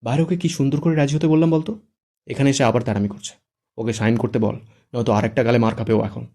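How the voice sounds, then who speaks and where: A man's voice: medium pitch, steady tone, quick pace, mellow, natural voice. A man voicing a hot-tempered young groom who gives curt, threatening commands. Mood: bossy.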